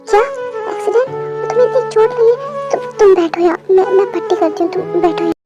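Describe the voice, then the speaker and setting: A woman's voice: very high-pitched, flat delivery, fast, highs cut off, music in the background. A woman voicing an anxious young wife in a fan dub, stammering with worry. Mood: worried. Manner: stammering, worried repetitions.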